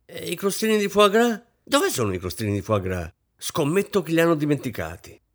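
A man putting on a shrill, frantic rich lady. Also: wildly swooping pitch, fairly quick. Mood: frantic, bossy. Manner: shrill, bossy, overwrought. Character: frantic, fussy, vain rich middle-aged woman.

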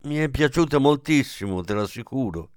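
A man reading the part of a brisk, determined young woman guest who brushes off help, raised voice. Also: medium pitch, expressive, no room sound, studio quality, pitched above the performer's own voice, close to an everyday voice. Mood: insistent. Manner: quick, dismissive, laughing.

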